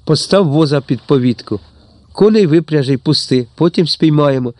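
A man's voice: mid-range voice, expressive, normal speed, a little mellow, dry recording, clean studio sound, natural voice. A man voicing a frightened older woman barking orders. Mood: urgent, commanding. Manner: urgent commanding whispers and orders.

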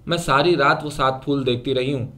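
A woman's voice: low-pitched, pitched above the performer's own voice, lightly acted. A man reading a short story aloud, voicing an agitated, suspicious young woman who questions sharply.

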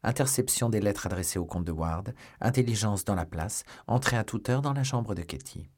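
A man with a lowish, slightly breathy voice narrates a classic novel as an audiobook, reading in a measured, expressive way.

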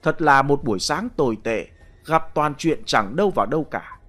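A man narrating a ghost story aloud in a dramatic, expressive way. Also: a little high, moderate pace.

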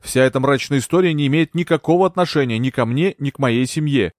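A man playing a young gentleman accused of murder, pleading and indignant. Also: medium pitch, animated, a little fast, no echo, studio quality, close to an everyday voice.

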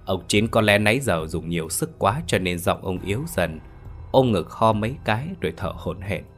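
Man, low voice, horror story narration, dramatic, faint music behind. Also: expressive, normal speed.

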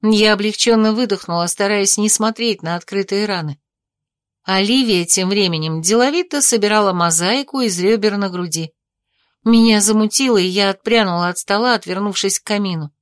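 A woman narrating a first-person audiobook in a steady, even reading voice. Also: medium pitch, normal speed, smooth, no room sound, studio quality.

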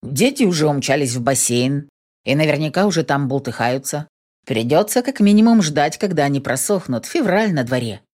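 A woman reading an audiobook, voicing a gruff, commanding grown man in a low voice. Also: lively intonation, moderate pace, a little mellow.

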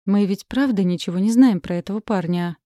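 A woman's voice: mid-range voice, a little fast, warm tone, no room sound, studio quality, lightly acted. A woman voicing a cautious teenage sister who speaks up mildly in an audiobook. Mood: doubtful.

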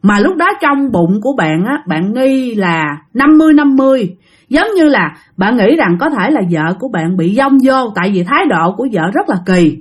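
A woman's voice: fairly high pitch, lively intonation, normal speed, husky. A woman narrating a ghost story, chatty and addressing listeners directly.

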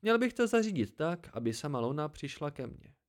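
A man's voice: fairly high pitch, sing-song, voice pushed up. A man voicing an eager, impatient young man in an amateur audiobook reading, asking plain questions.

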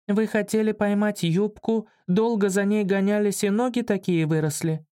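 A man's voice: sits high, normal speed, mellow, clean tone, voice pushed up, close to an everyday voice. A man reading an audiobook, voicing a curious little girl asking naive questions.

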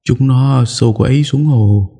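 A shifty middle-aged gangster woman, as a male reader puts her on, her voice dark and husky. She stammers and wheedles, sly but easily scared. An audiobook character voice, pitched above the reader's own. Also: measured pace. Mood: confessing. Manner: stammering, pleading.

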